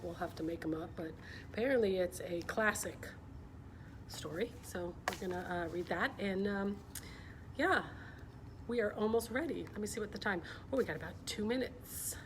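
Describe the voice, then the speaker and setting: A middle-aged woman with a mid-range voice and moderate pace hosts a casual children's story-time livestream. She chats informally with young listeners and reads a picture book aloud, with clear background noise on the stream.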